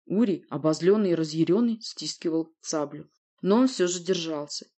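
Low-voiced woman narrating a story. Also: moderate pace, dark tone. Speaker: audiobook narrator. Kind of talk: scripted narration.

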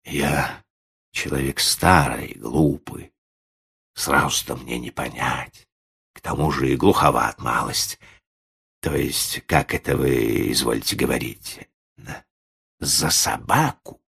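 A poor old organ-grinder who is humble but holds on to his dignity, as a man reading an audiobook voices him. He speaks low, slow and hushed, hesitating between words. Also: creaky, slightly rough, exaggerated voice. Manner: quiet, halting, humble but firm. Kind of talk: audiobook narration.

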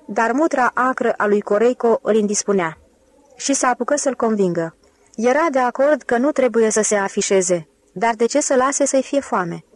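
A woman narrating an audiobook novel in an even, clear reading style. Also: on the high side. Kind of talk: scripted narration.

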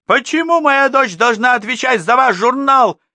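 Furious, high, shouting mother, outraged, voiced by a man. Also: expressive, normal speed, no echo, heavily acted. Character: furious outraged mother, middle-aged woman. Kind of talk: audiobook character voice.

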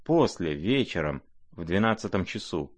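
A man playing a gentle, troubled young nobleman who speaks quietly and pleadingly. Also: low-pitched, big pitch swings, normal speed. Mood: pained.

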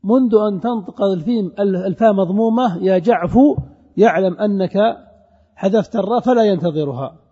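A man with a very dark, mellow voice teaches a grammar class, drawing out each recited example with deliberate emphasis and calling on his students. The sound is muffled and lo-fi, with a long reverb from a large hall. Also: high voice, breathy edge. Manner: stretches out recited verses and examples slowly, with emphasis; addresses students directly.

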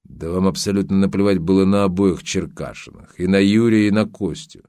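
Male reader as a firm young journalist, accusing, low voice, dry recording. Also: steady tone, brisk, warm tone, no room sound, close to an everyday voice. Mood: pressing. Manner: pressing, contemptuous and firm. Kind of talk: audiobook character voice.

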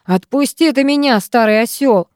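A woman's voice: fairly high pitch, a little fast, darkish tone, no echo, studio quality, lightly acted. A woman voicing a rude, nervous young male driver who snaps back defensively in an audiobook. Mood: snapping. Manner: snapping, defensive, boorish.

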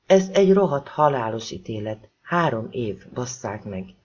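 A man's voice: medium pitch, very animated, a little mellow, dull audio, a little hiss or hum, lightly acted. A man voicing a cornered, defiant male criminal who talks crudely and swears, in an audiobook reading.

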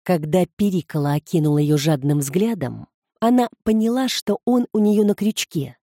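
A woman with a voice on the low side reads a novel aloud calmly and in a measured way, as a scripted audiobook narration. The sound is clean studio audio with no room sound.

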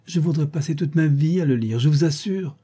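A man's voice: on the high side, brisk, dark tone, husky, pitched above the performer's own voice. A man reading an audiobook and voicing an earnest, innocent seventeen-year-old girl.

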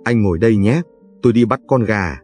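A man reading aloud, voicing a poor, cheerful young villager who talks loudly and hurriedly. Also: fairly low pitch, soft background music, natural voice. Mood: lively. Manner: loud, hurried and warm.

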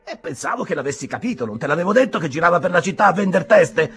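An easygoing innkeeper with a fixed grin, as a male reader puts him on, speaking up high and loud. His lines bounce around in pitch with a teasing, soothing manner, straight out of a storybook. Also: lively intonation, fast talker, slightly rough, exaggerated voice. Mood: jovial. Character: grinning innkeeper, grown man, easygoing.

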